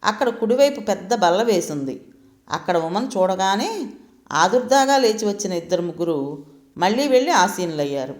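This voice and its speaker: Woman storyteller, calm scripted narration, middle pitch. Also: moderate pace.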